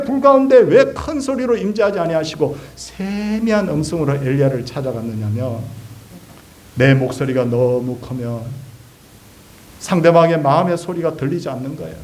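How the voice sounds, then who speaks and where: A man preaching a sermon as pastor, animated, asking rhetorical questions and acting out quoted speech. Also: high-pitched.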